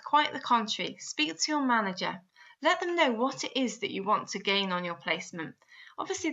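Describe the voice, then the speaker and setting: A woman with a medium-pitched, bright, forceful voice narrates a scripted instructional guidance video, addressing the listener directly and often asking guiding questions. The voice-over sounds slightly dull and lo-fi.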